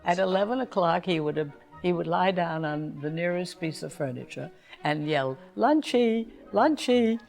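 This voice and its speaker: Brief: older male storyteller, slightly high and gravelly, slow and anecdotal. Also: fairly even intonation, faint music behind. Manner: anecdotal, acts out quoted dialogue. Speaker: interviewee, former film singer. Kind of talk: storytelling reminiscence.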